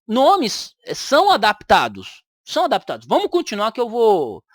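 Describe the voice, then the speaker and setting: A woman's voice: on the high side, huge pitch swings, normal speed, no echo, clean studio sound. Emphatic Brazilian woman commentator. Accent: Brazilian Portuguese. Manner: emphatic, repeats points for stress. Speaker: commentator reacting to a video. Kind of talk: argumentative reaction commentary.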